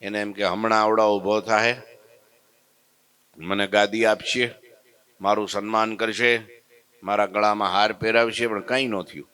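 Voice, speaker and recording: Guy telling a temple story, bright forceful voice, dramatic. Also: on the low side, little pitch movement, normal speed, long pauses, smooth. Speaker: religious storyteller. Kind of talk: devotional story sermon.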